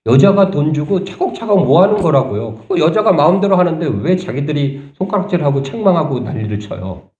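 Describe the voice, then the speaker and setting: A man preaching a sermon as pastor, talking conversationally and asking the congregation rhetorical questions, turning animated and indignant at points. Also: fairly high pitch, brisk, roomy sound, lo-fi sound. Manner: animated, rising sharply when voicing indignation. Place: church sanctuary.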